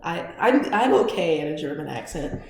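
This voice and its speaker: A woman's voice: low-pitched, sing-song, moderate pace, darkish tone. A young adult woman hosting a casual podcast chat, talkative and giggly, often trailing off mid-thought. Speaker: podcast host. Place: echoey room. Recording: roomy echo, faint noise.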